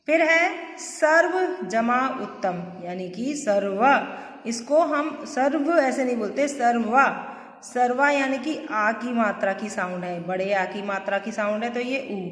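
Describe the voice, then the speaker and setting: Slow-paced woman teacher, echoey room. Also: on the high side. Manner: slow, explaining step by step with repeated questions. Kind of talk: classroom grammar lesson. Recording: echoey room with long reverb.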